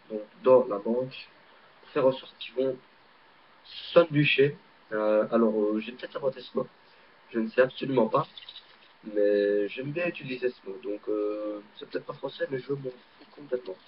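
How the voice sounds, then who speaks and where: A man's voice: medium pitch, moderate pace, slightly rough. A man with a Belgian French accent, casually demonstrating a card trick in a rambling, hesitant way with many fillers, recorded on a laptop webcam mic. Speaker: amateur magician. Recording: dull lo-fi webcam audio, faint hiss.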